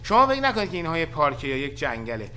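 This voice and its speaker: A man from Iran hosting a casual live-stream chat, playful and teasing, jumping between loud laughing bursts and low asides. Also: big pitch swings, a little hiss or hum. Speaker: show host.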